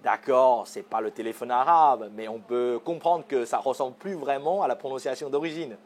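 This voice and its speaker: A man's voice: mid-range voice, normal speed. A man presenting a magazine show segment, explaining words in a playful, teasing way and asking the viewers questions.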